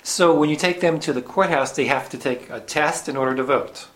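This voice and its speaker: A man's voice: a little high, fairly quick, low-quality recording. A man interviewing a guest, asking short, direct questions.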